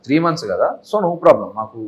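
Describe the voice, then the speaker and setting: A man's voice: medium pitch, lively intonation, a little fast, dull audio. A young man answering interview questions casually, often slipping English words into his speech. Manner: mixes English into his talk, earnest. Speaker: interview guest.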